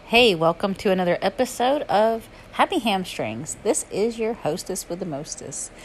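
A woman's voice: mid-range voice, expressive, normal speed. A woman with a Southern US accent and drawl, hosting a chatty solo podcast in casual, slangy regional speech. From Alabama, southern United States. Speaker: podcast host and yoga and fitness teacher.

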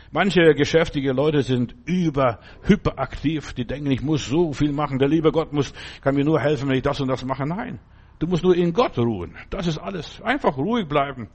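A male preacher giving a folksy, conversational sermon with big swings in pitch and frequent asides asking whether the listener follows. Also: a little mellow, slightly rough.

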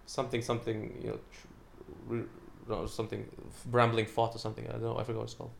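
A man's voice: mid-range voice, monotone, fast, vocal fry, slight background noise. A young British man, a stand-up comedian, chatting casually in a rambling way with lots of fillers and restarts. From Britain. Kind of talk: casual chat.

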